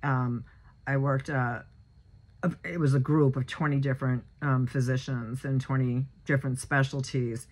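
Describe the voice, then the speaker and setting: A woman's voice: rumbling low, fairly even intonation, normal speed, husky. A woman in her sixties talking casually in a personal vlog, rambling with many fillers and restarts. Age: 60s. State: a little choked up. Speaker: vlogger.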